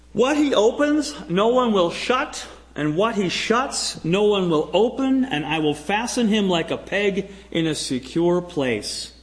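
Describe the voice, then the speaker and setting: A man preaching a sermon, building to strong emphatic peaks and letting his phrases sink quietly at the ends. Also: fairly high pitch. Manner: slow, emphatic preaching with rising peaks and sinking, quiet line endings. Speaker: pastor.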